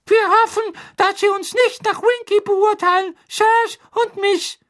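A man voicing a timid, servile house elf in a squeaky, humble, apologetic voice for an audiobook. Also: steady tone, unhurried, a bit bright.

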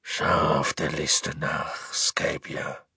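A predatory male werewolf, brought to life in a gravelly, rasping growl, very deep and drawn out with crawling slowness. The voice is hard-edged and breathy, half-whispered and gloating. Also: little pitch movement, sharp tone, no echo, studio quality, full character voice. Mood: menacing. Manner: slow, menacing, relishing cruelty. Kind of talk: audiobook character voice.

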